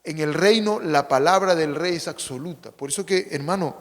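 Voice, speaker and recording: High-voiced man preaching in a reverberant church. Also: moderate pace. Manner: preaching with rhetorical questions and call-and-response; swings between emphatic loud lines and quiet low asides. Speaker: pastor. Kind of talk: sermon. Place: church sanctuary.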